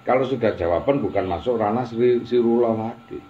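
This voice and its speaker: A man's voice: mid-range voice, a little fast, dull audio, a little hiss or hum. A man giving an informal religious talk, chatty, with teasing asides. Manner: chatty, mixing Javanese and Indonesian, teasing asides. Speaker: religious teacher.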